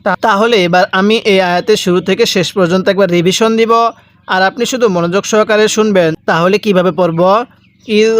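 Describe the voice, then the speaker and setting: A man teaching Quran reading. He recites each word slowly and drawn-out, then explains the rules patiently and repeats them. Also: high-pitched, fairly even intonation. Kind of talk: step-by-step recitation lesson.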